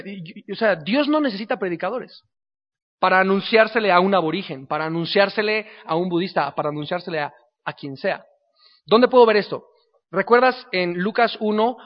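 A high-voiced man gives a casual teaching sermon. He talks to the listener directly and keeps asking "right?" as he goes. The recording sounds dull, with a long reverb trailing behind him. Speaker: preacher.

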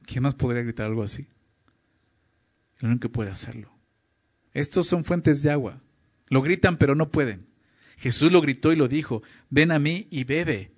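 A man's voice: mid-range voice, animated, moderate pace, long pauses, darkish tone, breathy edge. Preaching man, dull lo-fi sound. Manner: teaching, frequent checking questions to listeners. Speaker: pastor. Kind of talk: sermon. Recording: dull lo-fi recording.

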